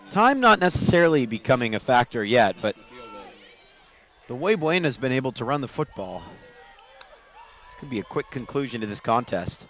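A man calling a football game play by play, rising into excited calls on big plays. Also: mid-range voice. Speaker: play-by-play announcer. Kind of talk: live football commentary.

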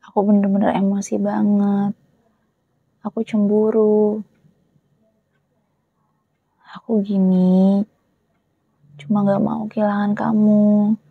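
A young woman speaking softly and often in a whisper, playing a girlfriend in a whispered role-play. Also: mid-range voice, gravelly, breathy edge, dry recording, phone-quality sound. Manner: soft, close, often whispered speech. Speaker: ASMR creator playing a jealous girlfriend. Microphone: close ASMR microphone.

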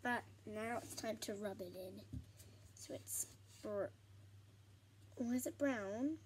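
A woman's voice: mid-range voice, takes it slowly, a little hiss or hum. A young woman chatting to herself in a rambling, giggly way as she works on a pastel drawing for her vlog. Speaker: vlogger. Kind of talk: chatty art vlog narration.

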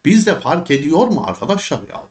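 Lively, ranting male history teacher. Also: normal speed. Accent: Turkish, Çorum dialect slips. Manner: animated, joking, rants and jumps high when worked up. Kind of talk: exam prep lesson with casual rants.

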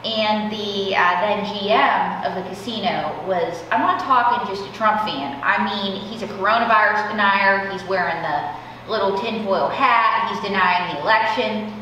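A woman's voice: medium pitch, normal speed, sharp tone, lo-fi sound. A young woman chatting casually and emphatically as a comedian being interviewed on stage. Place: indoor theater stage. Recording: echoey hall, distant, faint noise.

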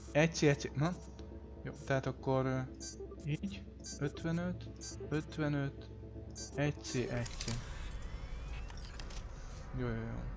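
A man casually commenting on his own game playthrough, thinking aloud, talking to viewers and swearing when he slips up. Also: fairly high pitch. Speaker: gamer streaming a playthrough. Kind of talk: casual let's play commentary.

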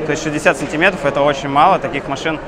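A man's voice: fairly high pitch, steady tone, very fast, poor audio. A man presenting his company's coffee machine at an expo, explaining technical details at length with fillers. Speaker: coffee machine maker representative. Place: crowded indoor expo hall. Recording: crowd noise behind.

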